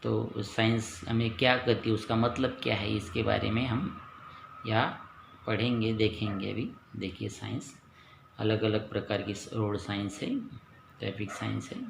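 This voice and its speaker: Slow, patient male teacher in echoey room. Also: lowish voice, fairly even intonation, creaky, noisy background. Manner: patient, repeats each point, asks and answers own questions. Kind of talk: lesson for pupils.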